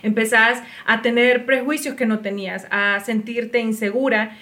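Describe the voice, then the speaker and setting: A woman hosts a podcast conversation. She chats easily and keeps encouraging her guest. Her voice sits a little high. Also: fairly even intonation, moderate pace, sharp tone. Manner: chatty, encouraging backchannel. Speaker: podcast host. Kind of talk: casual interview conversation.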